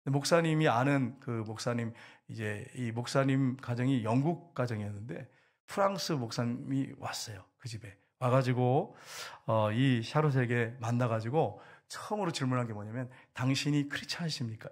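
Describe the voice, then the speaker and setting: A man with a Gyeongsang accent, preaching a sermon as pastor, telling a story in a style that swings between loud emphasis and hushed asides. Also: medium pitch. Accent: Gyeongsang Korean.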